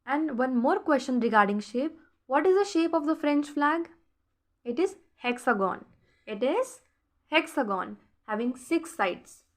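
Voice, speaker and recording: Higher-voiced woman teaching, repeating words. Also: fairly bright tone. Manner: repeats key words slowly for learners, quizzing tone. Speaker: French teacher. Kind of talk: recorded classroom lesson voice-over.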